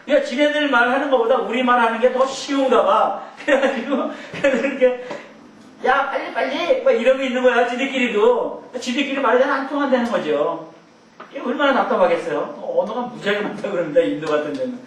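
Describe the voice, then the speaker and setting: A man's voice: very high-pitched, fast, recorded from a distance, a little hiss or hum. Man lecturing in a very echoey hall. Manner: conversational, rambling asides with chuckles and mimicked shouts. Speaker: Bible teacher. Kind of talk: Bible lecture.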